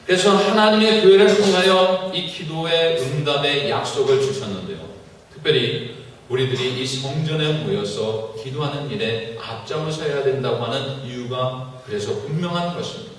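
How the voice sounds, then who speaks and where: A man's voice: fairly high pitch, slight background noise. A male pastor preaching a sermon in a church sanctuary, emphatic and repeating his key phrases. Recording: echoey church hall from far off.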